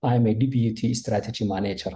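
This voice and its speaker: A man's voice: fairly low pitch, quick pace, mellow. A man, a deputy strategy manager, introducing himself carefully. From Somaliland.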